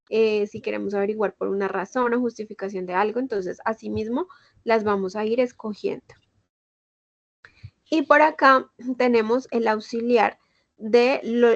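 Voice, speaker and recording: A woman with a slightly high voice teaches English over a video call, walking through each point step by step. Her voice is close and dry, with dull, lo-fi call audio. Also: gravelly, dry recording. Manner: explains step by step with Spanish and English examples. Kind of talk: online class explanation.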